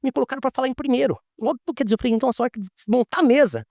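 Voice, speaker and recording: A man's voice: very high-pitched, racing, dry recording, studio quality. A man, a lawyer being interviewed, telling stories casually and acting out the dialogue as he goes. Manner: animated, acts out quoted dialogue.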